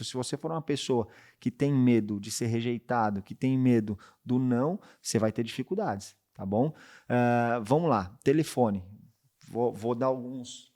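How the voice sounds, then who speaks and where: A man's voice: mid-range voice, warm tone. Casual man coaching salespeople. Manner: conversational, checks in with frequent tag questions. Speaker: podcast host and sales coach. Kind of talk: casual advice talk.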